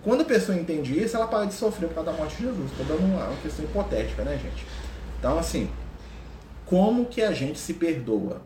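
A man's voice: on the high side, big pitch swings, fast talker, noisy background. A man with a Brazilian Portuguese accent giving an informal spiritual talk at home, conversational and often checking in with his listeners. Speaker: spiritual teacher. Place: at home, with a pet cat. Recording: roomy echo.

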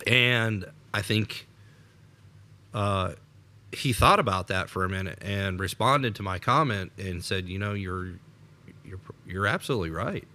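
Casting: American male podcast co-host, low and forceful, repeated starts. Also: unhurried. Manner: rambling with frequent repeated starts, laughs. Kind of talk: unscripted political chat.

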